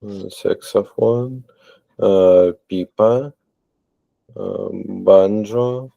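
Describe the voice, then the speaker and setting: A man taking part in an online lesson as a student, naming words one at a time in a halting way, with long hesitations before each. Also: on the low side, vocal fry, dark tone, no room sound, highs cut off.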